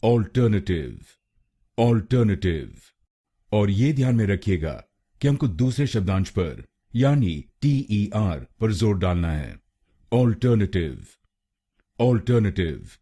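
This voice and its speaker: A man with an Indian accent giving a slow, deliberate pronunciation lesson, breaking a word into syllables and repeating each one. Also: on the low side, sing-song, mellow, slightly rough. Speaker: pronunciation teacher.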